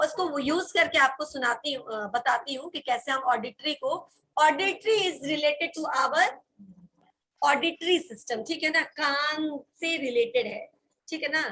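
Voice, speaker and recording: Woman teacher, high and bright, spells words aloud and checks in with the class. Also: measured pace, poor audio. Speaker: English vocabulary teacher. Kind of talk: classroom lesson. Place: classroom with students.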